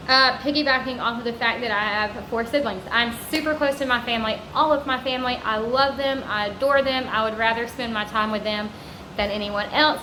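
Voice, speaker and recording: Talking to her vlog audience from inside a vacation home, this Southern US woman in her thirties rambles chattily, tossing warm asides to viewers in a casual sit-down chat. Her voice runs on the high side, and the sound is roomy with background noise.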